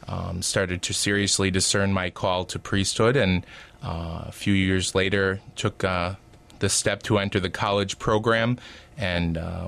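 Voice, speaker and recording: A man in his late twenties from Wisconsin with a very low, smooth, even voice. He talks as a radio guest, hesitant and full of small pauses and fillers. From Wisconsin, USA. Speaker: seminarian guest.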